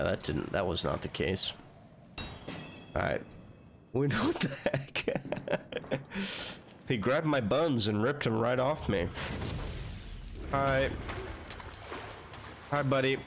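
A man streaming a horror game, chatting and joking, with jumpy reactions to scares. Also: mid-range voice. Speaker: gaming streamer. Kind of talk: let's play commentary.

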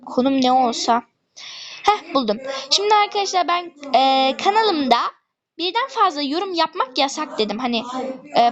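High-voiced chatty female gamer. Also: fairly bright tone. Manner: chatty, gossipy, complaining asides. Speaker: gaming YouTuber. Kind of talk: casual gameplay chat.

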